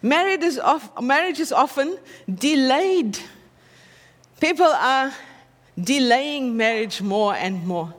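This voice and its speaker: Her high voice carries lively intonation at a slow pace, and the sound suggests a big room. Speaking with an Afrikaans accent, she delivers a sermon in a chatty way and frequently uses tag questions to engage her audience.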